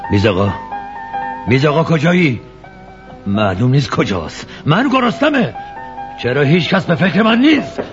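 A man's voice: on the high side, very animated, pauses often. An actor playing a greedy rich old man, starving and furious, in a children's radio play, ranting and wailing with lots of repetition. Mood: cranky. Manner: wailing, ranting, repeats himself. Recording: lo-fi recording with music behind.

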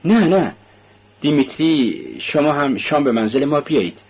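A man reading a novel aloud, voicing an anxious, loving older mother in a raised, husky voice. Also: on the high side, lively intonation, a little mellow, muffled recording. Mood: fussing, tender.

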